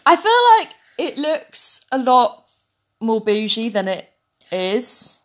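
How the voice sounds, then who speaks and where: A woman's voice: fairly high pitch, very animated, slow. Young woman, rambling casual chat. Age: 20s. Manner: rambling, laughs easily. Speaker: podcast co-host. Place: her flat, under a blanket.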